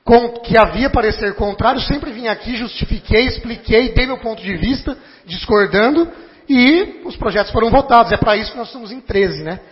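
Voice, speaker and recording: A man with a Brazilian Portuguese accent, speaking as a city councilman in a formal debate, halting and argumentative, often repeating words. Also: very high-pitched. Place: council chamber. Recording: dull lo-fi recording with long chamber reverb.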